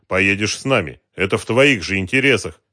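A man's voice: fairly low pitch, expressive, a little fast, pushed and bright, dry recording, clean studio sound. A man reading an audiobook voices a stern male detective who gives curt orders. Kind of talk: audiobook character voice.

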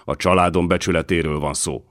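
A man voicing a gruff, hot-tempered warrior who talks in threats, in an audiobook. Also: low voice, fairly even intonation, no room sound, clean studio sound, natural voice. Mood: angry.

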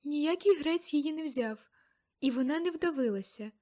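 A woman doing a calm, firm mother. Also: sits high, normal speed, pitched above the performer's own voice. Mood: soothing.

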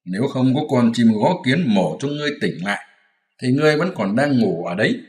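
A man's voice: mid-range voice, lively intonation, normal speed, natural voice. Man doing Sun Wukong, a mocking monkey king. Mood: scolding. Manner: scolding, teasing, commanding. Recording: roomy echoey room.

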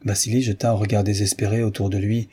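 A man narrating a novel as an audiobook in a measured literary reading. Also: on the low side, little pitch movement, warm tone, slightly rough. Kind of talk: scripted narration.

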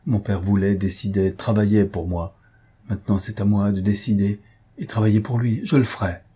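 A man's voice: fairly low pitch, fairly even intonation, moderate pace, mellow, slightly rough. A man voicing an anxious young woman, a devoted daughter, in a pleading, rising tone. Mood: resolute.

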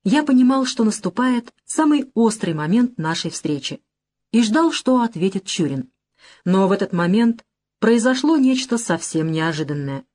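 A woman narrating an audiobook of classic prose in an even, measured reading. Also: medium pitch.

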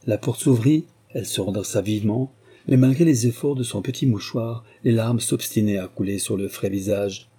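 A man narrating a classic novel in a measured, literary reading. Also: fairly low pitch, warm tone, breathy edge. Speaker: audiobook narrator. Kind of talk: scripted narration.

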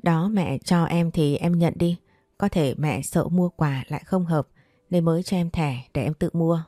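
A woman reading the lines of a gentle, devoted young husband in an audio story, speaking tenderly. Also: low voice, unhurried, no room sound, clean studio sound. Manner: tender, earnest.

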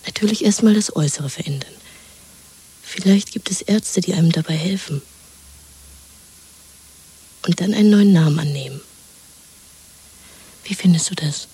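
In a 1970s German radio drama, an actress plays a tender, dreamy young woman in love, speaking in a hushed, intimate, coaxing whisper. Her voice is lowish and breathy, and the audio is poor.

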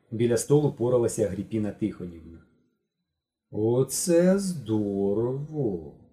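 A man narrating a novel as an audiobook reader, with expressive storytelling. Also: medium pitch. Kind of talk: scripted narration.

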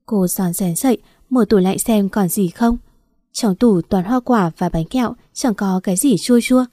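Mellow-voiced woman reading a story. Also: mid-range voice, normal speed, no room sound, studio quality. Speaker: story narrator. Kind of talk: scripted story narration.

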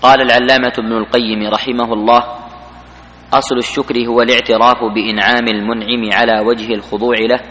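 A man reading a book's commentary aloud to the class in a mosque, in an even recitation. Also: mid-range voice, quick pace, a little hiss or hum. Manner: even, flat recitation of the text. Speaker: student reading the text aloud. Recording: reverberant mosque hall recording.

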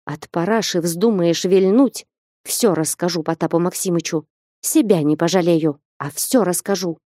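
Woman narrator voicing a sharp-tongued young schemer who lectures a timid man; warm low-bright tone, pitch jumping up. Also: normal speed, dry recording, studio quality, natural voice. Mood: scolding. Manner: scolding, commanding, rising to high pitch. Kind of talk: audiobook character reading.

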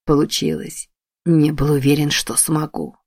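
A woman voicing a dying male fox spirit who speaks faintly, with breathy tenderness. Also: low-pitched, sing-song, unhurried, no room sound, studio quality, exaggerated voice. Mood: faint tender. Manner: soft, tender, fading.

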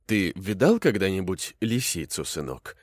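A man voicing a gentle, wise old storyteller in a storybook reading, low, quiet and unhurried. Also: sing-song, dry recording, studio quality, exaggerated voice. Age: older.

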